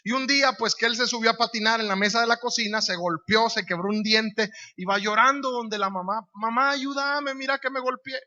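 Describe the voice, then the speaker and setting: Honduran male preacher, high bright voice, emphatic sermon delivery, dull lo-fi recording. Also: steady tone, a little fast, few pauses. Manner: emphatic, repeats key phrases, rhetorical questions.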